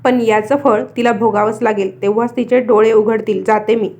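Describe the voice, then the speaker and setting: A woman's voice: fairly even intonation, a little mellow, lightly acted. A woman voicing an angry old beggar woman. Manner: slow, coughing, low-voiced. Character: old woman goddess in disguise, stern and offended.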